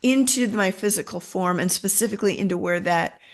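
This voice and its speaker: A middle-aged woman, an interview guest, shares a personal story with animation, taking on the voices of the people she quotes. Her voice is medium-pitched and fairly quick.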